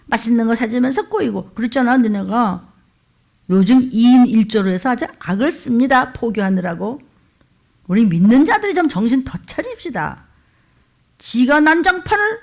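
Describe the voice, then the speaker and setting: A woman pastor preaching a fiery sermon, scolding her listeners with sharp rhetorical questions. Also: a little high, creaky.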